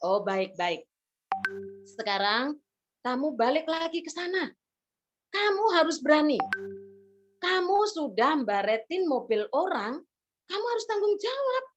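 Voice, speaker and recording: A woman's voice: sits high, very animated, a little slow, long pauses, slight background noise. A woman voicing a caring mother who soothes and firmly instructs her son, in a slightly muffled recording. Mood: soothing. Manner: soothing yet firm, coaxing. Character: calm, firm, caring mother.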